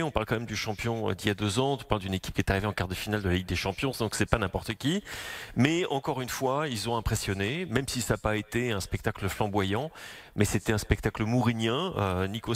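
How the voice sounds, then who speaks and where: Man, hoarse, football pundit, halting with restarts, mid-pitched voice. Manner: hesitant, many restarts. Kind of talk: radio sports talk.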